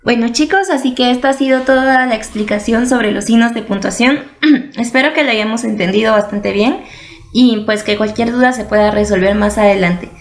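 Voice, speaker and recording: A woman's voice: on the high side, moderate pace. A woman teaching a video lesson to children, patient and explanatory, often checking that they follow and repeating words for emphasis.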